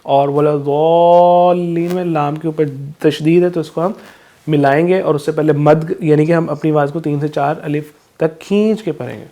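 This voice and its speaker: A man with a Pakistani Urdu accent teaching a class, explaining recitation rules and chanting verses slowly. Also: on the high side, fairly even intonation, warm tone. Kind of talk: classroom lesson on Quran recitation.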